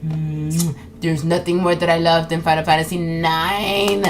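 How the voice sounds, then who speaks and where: A woman talking casually to camera in a vlog, animated and chatty, with lots of fillers. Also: low voice, measured pace, slight background noise. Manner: animated, acts out quoted voices; chatty, with many fillers like "um" and "you know". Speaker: actress and model vlogger.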